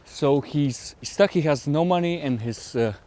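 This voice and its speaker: A man co-hosting a podcast, retelling a plot in a halting, rambling way while strolling outdoors. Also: fairly high pitch, dark tone. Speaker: podcast co-host. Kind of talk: casual chat while walking.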